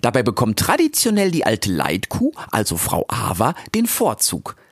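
A man's voice: medium pitch, huge pitch swings, normal speed, breathy edge, no echo, studio quality, voice pushed up, full character voice. A man voicing a polite, prim older female meerkat who lectures courteously, in an audiobook. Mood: gracious. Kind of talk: audiobook character voice.

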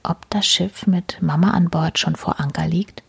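A woman reading a children's story aloud in a soft, often half-whispered narrating voice. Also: on the low side, steady tone, normal speed, vocal fry, slightly rough.

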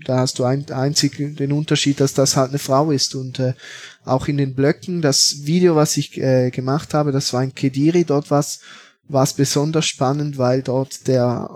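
A man's voice: mid-range voice, fairly even intonation, moderate pace, a little mellow, dry recording. A man, a football fan talking as a podcast guest, hesitant with many fillers and restarts. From Switzerland. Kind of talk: casual interview talk.

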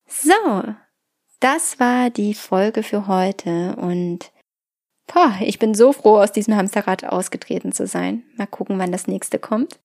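A woman hosting a podcast, speaking to the listener in a calm, reflective self-help monologue and sometimes dropping to a soft whisper. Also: mid-range voice, slow. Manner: calm, addresses the listener directly, drops to a soft whisper at times. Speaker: podcast host.

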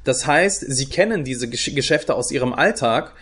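A young man from Germany talks his way through interview answers, thinking as he goes. He stops often, restarts and fills pauses. His voice sits at a middle pitch. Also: expressive, a bit bright, husky. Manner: thoughtful, many fillers and restarts. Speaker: guest, youth project leader.

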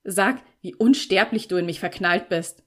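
A cocky young man, voiced by a woman reading the book aloud, hard-edged and mocking. He speaks in clipped, scornful jabs and flares up easily, set at her own middle pitch with no deepening. An audiobook character. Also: normal speed, close to an everyday voice. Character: arrogant, scornful young man, quick to anger.

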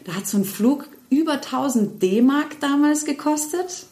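A woman, co-hosting a casual podcast, telling lively stories and laughing often. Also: sits high, measured pace. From Bavaria. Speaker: podcast co-host. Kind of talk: casual chat. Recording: roomy echo.

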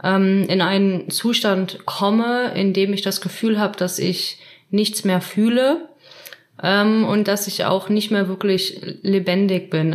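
A woman of twenty-four from Trier, a self-help group leader, speaking hesitantly with many pauses and fillers. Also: medium pitch. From Trier, Germany. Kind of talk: interview answers.

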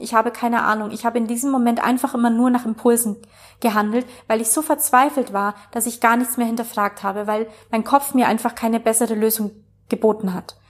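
A young woman speaking earnestly and reflectively to her followers, sharing a personal story with pauses and fillers. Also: fairly high pitch.

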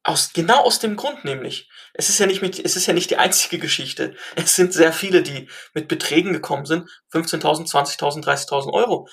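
Gravelly young man telling stories. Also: fairly high pitch, a little fast, hardly any pauses. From family from Syria. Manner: animated storytelling, many fillers and restarts. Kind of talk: casual conversation.

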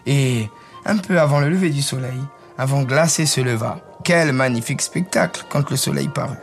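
A man narrating a fairy tale in a calm, descriptive storytelling manner. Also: medium pitch, moderate pace, faint music behind. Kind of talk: reading a fairy tale aloud.

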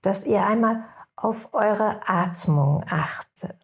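Slow, soothing woman guiding meditation. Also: medium pitch, vocal fry. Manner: slow, soothing, drifting into soft whispers. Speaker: meditation guide. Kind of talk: guided meditation.

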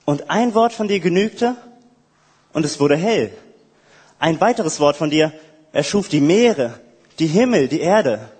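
A man delivers a reflective, prayer-like monologue addressed to God, slow and halting with hesitant restarts. His voice is breathy and moves a lot in pitch, rising and falling. The recording carries a long reverberant hall echo. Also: lively intonation, darkish tone.

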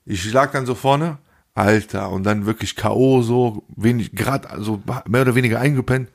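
A young man co-hosting a podcast, telling stories in animated casual chat with lots of street slang. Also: medium pitch, moderate pace, gravelly. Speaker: podcast co-host.

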